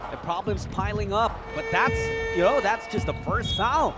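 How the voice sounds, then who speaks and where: A man's voice: high voice, lively intonation, normal speed, loud music behind the voice. A man calling a basketball game live as play-by-play commentator. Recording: loud arena noise behind.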